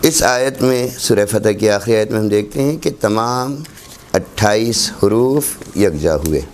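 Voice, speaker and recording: A man's voice: lowish voice, a little mellow, a little hiss or hum. A man teaching a class on Quran recitation rules, explaining step by step and repeating examples. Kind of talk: classroom lecture.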